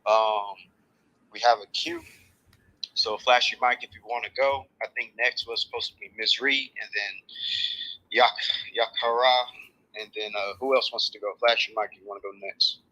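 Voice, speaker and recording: A man moderating a casual live audio chat, briskly organizing who speaks next. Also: fairly low pitch, steady tone, bright, forceful tone, poor audio. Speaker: room moderator.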